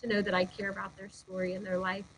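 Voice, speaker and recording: A woman's voice: medium pitch, completely flat delivery, quick pace, a little hiss or hum, poor audio. A woman pastor telling heartfelt personal stories in an interview, earnest and speaking with frequent fillers. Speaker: lead pastor. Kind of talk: personal storytelling in a webinar interview.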